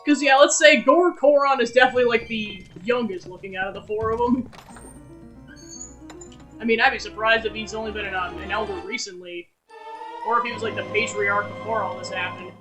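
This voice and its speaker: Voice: medium pitch, a little fast, music in the background. A streamer playing a video game, joking and rambling with frequent giggles. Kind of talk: let's play commentary.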